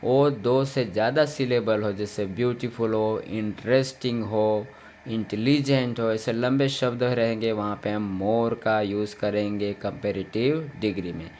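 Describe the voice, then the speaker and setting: A man's voice: lowish voice, measured pace, darkish tone, a little hiss or hum. A man teaching English grammar, explaining patiently and repeating each point with translations.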